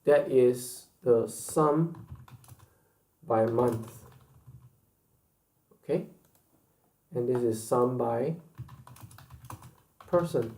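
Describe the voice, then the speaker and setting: Man, tutorial instructor, slow patient delivery, mellow voice, echoey room. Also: medium pitch. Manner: slow and patient, repeating key points. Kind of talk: screen-recorded software tutorial.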